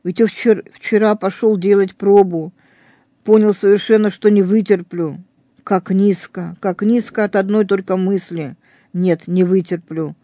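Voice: medium pitch, steady tone, unhurried, dark tone, no echo, studio quality, lightly acted. A reader voicing a horrified young man in anguish. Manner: anguished, pleading with God. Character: young man in terror over a crime he plans.

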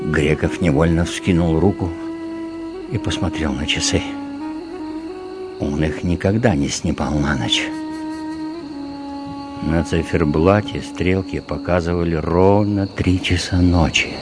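A man calmly reading a literary story aloud as narrator, in a measured storytelling manner. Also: sits low. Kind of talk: audiobook reading of literary prose. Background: background music.

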